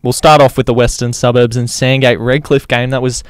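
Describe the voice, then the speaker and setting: Australian male sports co-host, conversational, clear tone, very little room sound. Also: medium pitch, flat delivery, fairly quick, dry recording, clean studio sound. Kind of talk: casual sports chat and match recap.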